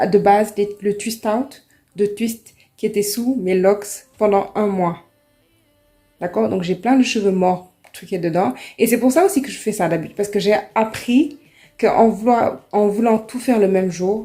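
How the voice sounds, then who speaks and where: A woman talking casually to camera as a hair vlogger, chatty and animated with exasperated asides. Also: mid-range voice. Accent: French. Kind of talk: casual vlog chat.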